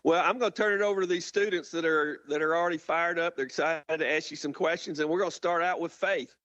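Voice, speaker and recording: A man hosting a live link-up as a university president, informal and a bit halting as he restarts his questions. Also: fairly high pitch, fairly even intonation, a bit bright, dry recording. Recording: dull, muffled event audio.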